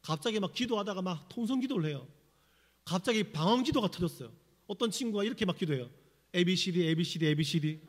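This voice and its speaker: A male pastor with a notably high voice tells his testimony from the pulpit, leaning into the drama and landing jokes along the way. The sound carries a long church hall reverb that trails after each phrase. His delivery is lively and theatrical, a preacher used to holding a room. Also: quick pace. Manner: animated, dramatic storytelling with humor. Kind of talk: sermon with personal testimony. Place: church sanctuary.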